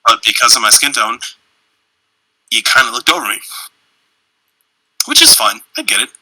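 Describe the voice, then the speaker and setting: Bright, husky young man in casual chat. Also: mid-range voice, moderate pace, dry recording, low-quality recording. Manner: loose, profane, animated storytelling. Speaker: podcast co-host.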